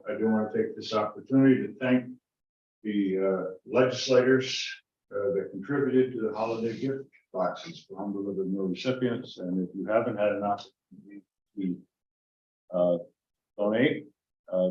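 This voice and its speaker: A man's voice: on the low side, moderate pace, darkish tone. A man legislator giving a brief committee report at a formal meeting, with "uh" fillers. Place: county legislature meeting room. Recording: dull, echoey chamber audio from a distant mic.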